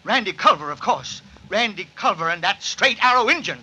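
A blustering outlaw villain in an old radio western, American Western accent. The voice is extremely high, strained and husky, with a piercing edge. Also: male voice, lively intonation, normal speed, bright, forceful tone, exaggerated voice, poor audio. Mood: agitated. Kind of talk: 1940s radio western acting. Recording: vintage radio recording.

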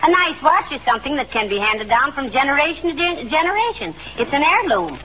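An actress playing a sensible, wry, long-suffering wife in 1940s radio comedy. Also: female voice, high-pitched, sing-song, brisk, sharp tone, heavily acted. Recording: dull old radio recording, faint hiss.

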